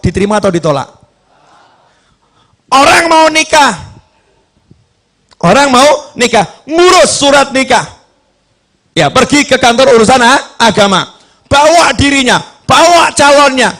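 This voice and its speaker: Male preacher, very high voice, animated sermon, shouts for emphasis, quizzes listeners.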